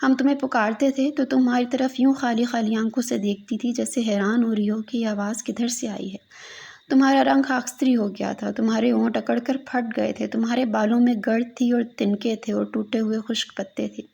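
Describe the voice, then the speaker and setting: A woman's voice: fairly high pitch, fairly even intonation, gravelly, a little mellow, husky, muffled recording. A woman reading a literary story aloud as a mournful lament to a lost daughter.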